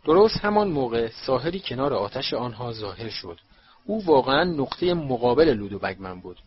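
A man narrating an audiobook in a steady storytelling manner. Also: mid-range voice, muffled recording. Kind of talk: scripted narration.

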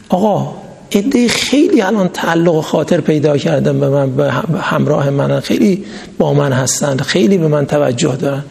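Gravelly man teaching in a hall. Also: fairly high pitch, a little mellow. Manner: reads text then explains in colloquial speech with stories. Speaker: religious teacher. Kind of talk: religious lecture. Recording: long hall reverb.

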